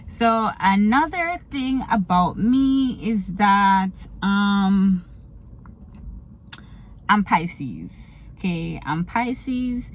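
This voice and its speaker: In a low-quality recording, a mid-range female voice with a Jamaican accent chats casually with viewers from her car. She's a vlogger and small business owner raised in Kingston, and in this get-to-know-me talk she often laughs and switches into patois.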